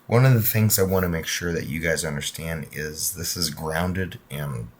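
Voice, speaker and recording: A man's voice: a bass voice, normal speed, a little hiss or hum. A man in his thirties from the United States, talking casually to his channel's viewers, his voice a bit off from a cold, with many ums and uhs. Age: 30s. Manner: rambling, frequent ums and uhs. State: recovering from a cold, voice not clear. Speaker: martial arts channel host. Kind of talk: casual talk to camera.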